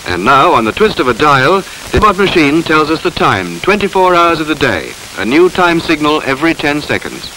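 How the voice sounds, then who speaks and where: A man reading formal, measured scripted narration for a 1950s documentary on an old film soundtrack. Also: on the high side, pushed and bright, a little hiss or hum, poor audio.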